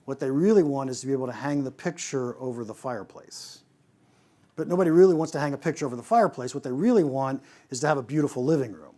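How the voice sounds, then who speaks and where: Speaking quickly in a mid-range voice, this man, a pricing consultant, delivers an energetic presentation on pricing. He keeps throwing out rhetorical questions and often restarts what he's saying.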